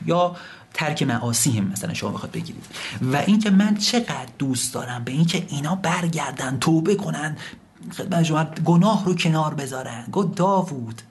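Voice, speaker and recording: A male preacher delivering a heartfelt sermon at an ordinary, middle pitch. His delivery is lively and swinging, rising to full-voiced appeals and sinking to near whispers. He recites scripture lines slowly and deliberately. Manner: impassioned storytelling, swells loud and drops to whispers.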